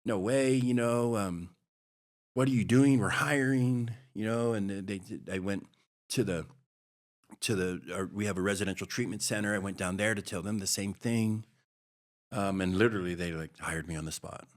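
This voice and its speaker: On a podcast, a middle-aged guest from Hawaii shares a story from his own life in a lowish voice. The delivery is reflective and faltering, with many restarts.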